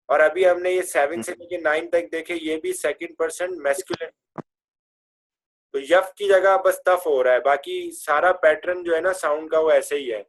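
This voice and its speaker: A man with a slightly high voice teaches Arabic verb forms in a classroom drill, chanting the conjugations and having the class repeat after him. His explanations lean heavily on English grammar terms, and there is slight background noise.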